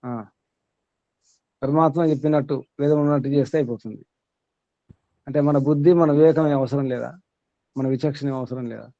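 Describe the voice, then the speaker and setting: A man's voice: medium pitch, steady tone, moderate pace, pauses often, dark tone, no room sound, highs cut off. A man teaching a small group as their spiritual guide, asking rhetorical questions and repeating his points.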